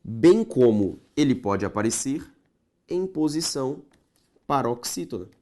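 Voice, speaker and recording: A man's voice: mid-range voice, animated, measured pace, dark tone. A man teaching a grammar lesson, stretching key words and checking in with the viewer.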